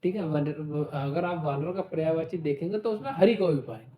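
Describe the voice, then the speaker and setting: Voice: medium pitch, brisk, echoey room, phone-quality sound, slight background noise. A Hindi teacher leading an exam-prep class, explaining with everyday examples, asking questions and checking in often. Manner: asks rhetorical questions and says "ठीक है" often.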